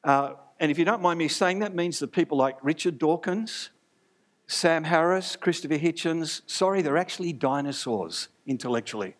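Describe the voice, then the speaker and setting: A male pastor delivers a sermon before his church congregation. His voice sits slightly high, and he keeps things chatty and light, joking with the room as he teaches. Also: expressive, moderate pace.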